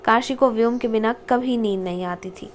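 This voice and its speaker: Female audiobook narrator for a romance story, steady storytelling, somewhat high voice. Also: moderate pace, slight background noise. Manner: steady storytelling, reads dialogue tags.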